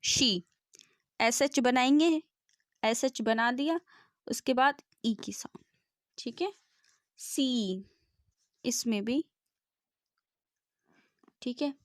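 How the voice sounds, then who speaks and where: A woman's voice: fairly high pitch, slow, pauses often, dry recording, clean studio sound. A woman teaching shorthand in a tutorial lesson, explaining patiently and checking often that students follow.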